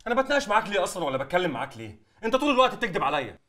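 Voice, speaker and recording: An actor playing a young man who feels betrayed, hurling bitter accusations and shouting. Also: high-pitched, sing-song, very fast, full character voice. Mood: furious. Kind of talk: TV drama acting.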